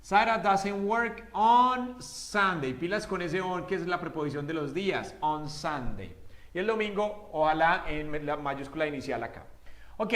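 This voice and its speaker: Guy teaching english at a whiteboard, fairly high voice, asks himself questions then answers, drags out the english examples slowly. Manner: animated, asks and answers his own questions; slows down sharply for English example phrases. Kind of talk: classroom lesson at a whiteboard.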